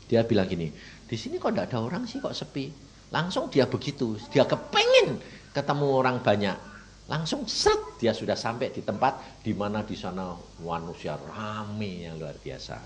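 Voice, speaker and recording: Man preaching with wildly swinging pitch. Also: slight background noise. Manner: emotional preaching with sudden loud outbursts and soft drops; colloquial, addresses listeners as brothers and sisters. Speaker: evangelist. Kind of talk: testimony sermon.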